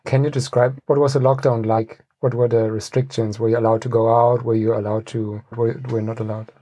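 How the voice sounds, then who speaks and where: A man hosting a podcast, reading a measured, formal introduction and asking interview questions. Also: mid-range voice, little pitch movement, warm tone, dry recording. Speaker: podcast host.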